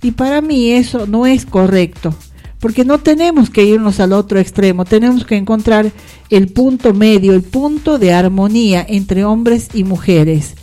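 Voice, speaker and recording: Mellow woman radio host. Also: mid-range voice, normal speed, soft background music. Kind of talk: radio talk show.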